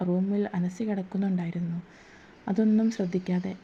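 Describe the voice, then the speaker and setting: A woman's voice: on the low side, fairly even intonation, fairly quick, a little hiss or hum. A woman narrating a story in an earnest, emotional way, in a dull lo-fi recording.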